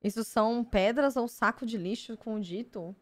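Excitable young Brazilian woman streamer. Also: fairly high pitch, moderate pace, no room sound. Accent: Brazilian Portuguese. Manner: gushing, easily excited exclamations. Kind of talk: casual card-opening chat.

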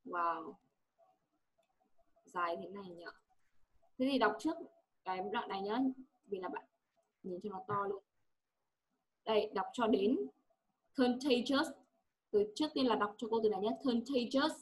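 A woman's voice: medium pitch, a little slow, pauses often. A woman English teacher with a Vietnamese accent, coaching a pupil one-on-one and patiently repeating words for her to echo.

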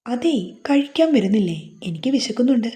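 A woman's voice: on the high side, normal speed, warm tone, lightly acted. A woman voicing a shy, emotional young wife who pleads earnestly in a romance novel reading. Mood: coaxing.

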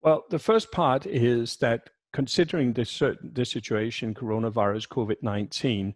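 A man in his sixties, a pavilion director, answering interview questions over a video call on a headset mic, measured with many fillers and restarts. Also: medium pitch, no echo.

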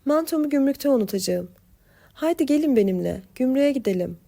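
A woman's voice: high voice, animated, fairly quick, vocal fry, warm tone, pitched above the performer's own voice, exaggerated voice. A woman doing a desperate young woman pleading. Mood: earnest. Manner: pleading, urgent.

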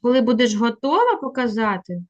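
Fairly high-voiced woman teacher coaxing a small pupil over a video call, slow and kind. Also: sing-song, dull audio, slight background noise. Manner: patient, encouraging, slow coaxing prompts. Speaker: literacy teacher. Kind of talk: online reading lesson with a child.

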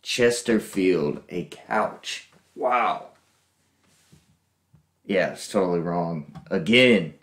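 A man hosting a reaction video, guessing aloud with lots of laughs and unsure pauses. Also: deep voice, lively intonation, a bit bright, echoey room. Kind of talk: casual reaction commentary.

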